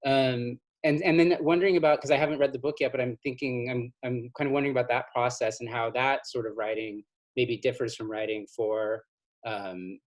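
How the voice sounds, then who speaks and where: A man on a video call putting questions to a guest, still out of breath. He hesitates and searches for words, his voice sitting at an ordinary middle pitch. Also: fairly even intonation, brisk. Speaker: moderator asking questions. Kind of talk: casual conversation.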